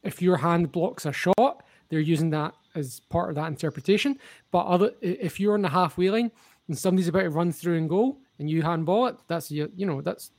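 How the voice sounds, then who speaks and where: Podcast co-host, male, higher register, opinionated rules explainer, dry close sound. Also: fairly quick, darkish tone, no echo. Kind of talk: casual football chat.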